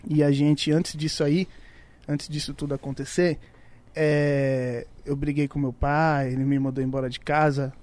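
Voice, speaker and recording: A man's voice: a little high, little pitch movement, normal speed, darkish tone. Slangy man telling stories. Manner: slangy, acts out dialogue in his stories. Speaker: funk music producer. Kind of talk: casual podcast storytelling.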